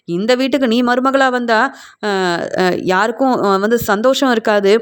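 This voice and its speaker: Woman reading a firm, scolding older patriarch, fairly high voice. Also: clean tone, lightly acted. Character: stern older man, head of the family.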